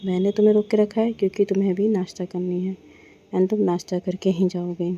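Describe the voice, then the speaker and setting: A woman's voice: mid-range voice, little pitch movement, a little fast, dark tone, close to an everyday voice. A woman voicing a teasing, stubborn young woman who insists on getting her way, in a story. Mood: insistent. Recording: dull lo-fi with faint noise.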